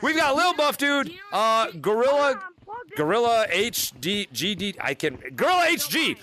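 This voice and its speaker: A young man streaming a VR game live, excitable and laughing often as he calls out fans' names. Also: very high voice, moderate pace. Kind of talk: live-stream chat with fans.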